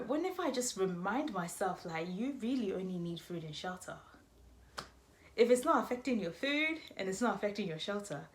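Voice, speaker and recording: Woman, twenties, casual vlogger, chatty and rambling, middle pitch. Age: 20s. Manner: chatty, rambling, self-correcting, laughing asides. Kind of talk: casual chat to camera.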